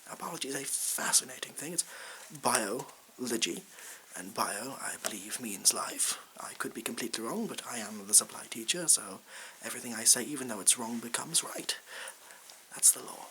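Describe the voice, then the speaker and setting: A man plays a bumbling male supply teacher in an ASMR role-play. The voice is crisp-edged and bright at an ordinary male pitch, hesitant and rambling, bluffing through the lesson with deadpan self-importance. A faint hiss sits behind it. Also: normal speed, rough recording. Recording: hissy background noise.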